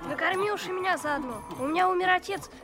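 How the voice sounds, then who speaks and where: A woman's voice: very high voice, fast. An actress voicing a naive, hungry young male dwarf orphan in a radio play. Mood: plaintive. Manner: plaintive, naive. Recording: busy market crowd and music behind. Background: crowd and music.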